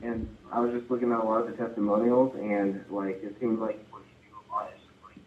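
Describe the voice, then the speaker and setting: A man's voice: fairly low pitch, fairly even intonation, fast. A young man, a course participant, asking a hesitant question full of "like" fillers. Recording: tinny phone-like call line.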